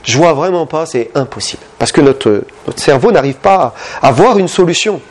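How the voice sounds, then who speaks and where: A man's voice: expressive, normal speed. A man preaching a sermon in French, impassioned and addressing the congregation with questions. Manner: impassioned, questioning the listeners, big pitch swings.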